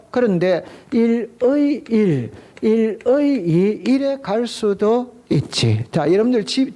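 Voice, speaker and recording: A male lecturer with a high but mellow voice leads a classroom drill. He repeats key terms, asks quick check questions, and cues students to answer aloud together. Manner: drills students with call-and-response, prompting "시작". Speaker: real estate exam lecturer.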